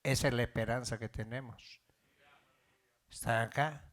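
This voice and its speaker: A man's voice: mid-range voice, fairly even intonation, normal speed. A middle-aged man preaching a sermon as pastor, building in fervor and calling out questions to his congregation.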